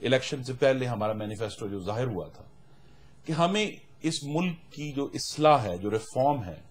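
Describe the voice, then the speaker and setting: A man's voice: mid-range voice, animated. Argumentative male party spokesman. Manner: measured, argumentative. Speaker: political party guest. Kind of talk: political debate.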